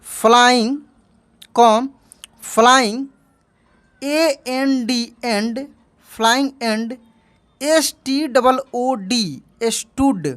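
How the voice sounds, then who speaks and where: A woman teaches reading in a slightly high voice, spelling each word out letter by letter. She talks slowly and keeps calling the listener "my friend". The recording is dry and close, with no room sound. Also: no echo. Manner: spells words letter by letter, then repeats them and asks "what will we read?". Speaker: English teacher. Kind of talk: online spelling and reading lesson.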